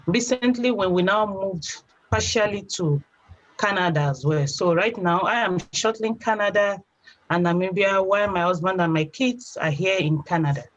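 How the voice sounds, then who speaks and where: A young adult woman with a Nigerian accent, a guest telling her story in a chatty, relaxed way, often saying "you know". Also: medium pitch, normal speed, slight background noise. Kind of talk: casual interview. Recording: slightly dull lo-fi sound.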